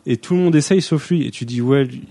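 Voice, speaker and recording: A man's voice: mid-range voice, fast, dark tone. Man retelling a scene animatedly. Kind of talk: casual chat.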